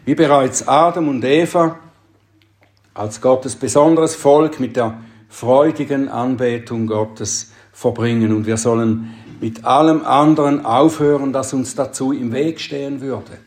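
A man preaching a sermon in a slow, measured way, lifting his voice to stress key words. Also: medium pitch, a little mellow, echoey room.

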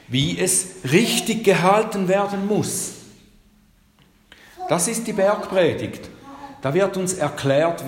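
A man preaching a sermon, slow and emphatic, leaning hard on the quoted scripture. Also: on the high side, slight background noise. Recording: echoey hall, long reverb.

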